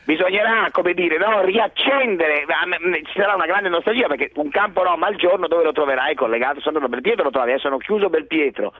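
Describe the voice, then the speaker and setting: On a narrow phone-like line, a man argues as a radio co-host. His voice sits fairly high, protesting and sardonic, with halting delivery. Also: no echo. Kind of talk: argumentative live debate. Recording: thin telephone-like line.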